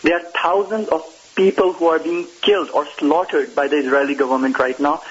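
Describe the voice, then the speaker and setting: A man calling a radio talk show over the phone, talking in a halting, hesitant way with an echoey sound. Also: a little high, fairly even intonation, husky. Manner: halting, hesitant, many fillers. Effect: heard over the phone. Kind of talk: call-in argument. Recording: dull, muffled phone line.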